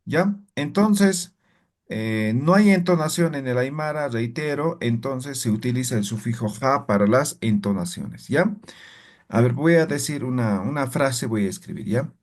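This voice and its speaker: A man's voice: mid-range voice, animated, measured pace. A man teaching a language class, explaining step by step and checking in with frequent tag questions. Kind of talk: classroom lesson.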